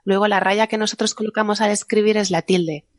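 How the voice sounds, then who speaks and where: A woman's voice: mid-range voice, fairly even intonation, a little fast, no room sound. A woman guest on a science podcast panel, explaining her research casually, laughing often and restarting her sentences.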